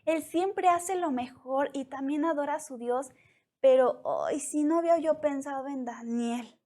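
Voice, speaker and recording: A woman's voice: high-pitched, unhurried, dark tone. A woman voicing a worried, regretful ancient king in a children's Bible story, with a Mexican accent. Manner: pleading, regretful.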